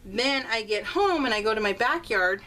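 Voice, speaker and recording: Rambling, giggly and conversational, an American woman chats casually in real time as host of her homemade craft vlog. She talks at normal speed with a high-leaning, sharp-toned voice and lively intonation. Faint room noise comes through a slightly distant mic.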